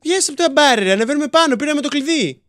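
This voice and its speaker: A young man co-hosting a casual let's-play, jumpy and quick to yelp or laugh when scared. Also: extremely high pitch, animated, a bit bright, no echo, studio quality. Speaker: gaming co-host.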